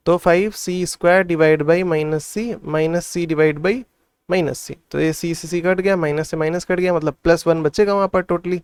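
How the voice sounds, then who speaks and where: A man's voice: fairly high pitch, smooth, no room sound. A man working through maths problems step by step as a tutor, thinking aloud and often checking in with the listener. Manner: thinks aloud, frequent "theek hai" checks. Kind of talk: solving textbook problems step by step.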